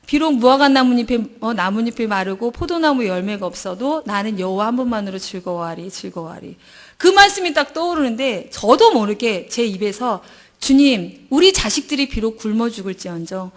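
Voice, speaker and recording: A middle-aged woman, a pastor's wife, gives an emotional church testimony, acting out her own prayers as she tells the story. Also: sits high.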